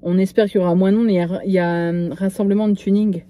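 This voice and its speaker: A woman's voice: mid-range voice, fairly even intonation, quick pace, dark tone. A middle-aged woman chatting casually in her vlog, self-mocking and hesitant, often trailing off with fillers. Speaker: vlogger.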